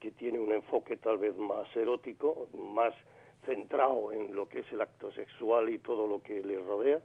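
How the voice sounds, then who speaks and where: Calling a radio program by phone, a sixty-something poet from Granada, Spain, speaks in a low, creaky voice with some breathiness. His intonation stays fairly even and his pace is normal, though he muses with many fillers and restarts.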